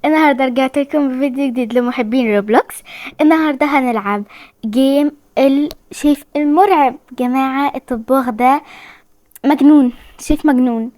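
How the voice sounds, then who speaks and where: A woman's voice: high-pitched, brisk, darkish tone, no room sound. A young woman with an Egyptian Arabic accent, commenting on a horror game she plays, jumpy and frightened, squealing and pleading as she goes. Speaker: gaming channel host.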